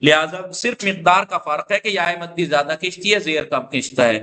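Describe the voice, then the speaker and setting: A man's voice: fairly high pitch, expressive, pushed and bright. A man teaching a classroom lesson on Quran recitation. He explains patiently, demonstrates the vowel sounds aloud, and checks often that his students follow.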